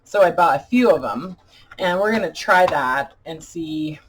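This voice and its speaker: A woman chatting casually as a craft video host, halting and deliberate, her speech slightly impeded by dentures as if her mouth were full of peanut butter. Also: deep voice, lively intonation, a little hiss or hum. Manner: halting, deliberate, pausing often. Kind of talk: casual chat tutorial.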